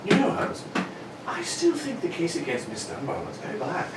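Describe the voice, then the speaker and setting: A loyal but easily flustered gentleman doctor, voiced by an actor, blustering and puzzled. The pitch leaps around wildly as the words stumble out in radio-mystery fashion. The recording is roomy and noisy. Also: wildly swooping pitch, moderate pace, distant mic. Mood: flustered, incredulous. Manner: blustering, hesitant, exclamatory. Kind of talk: old-time radio mystery acting.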